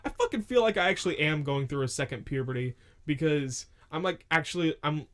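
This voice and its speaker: In his twenties, this podcast co-host chats casually from his home room into a studio mic with a pop filter. His fairly high, expressive, slightly bright voice moves fairly quickly as he rambles and swears, peppering everything with "like."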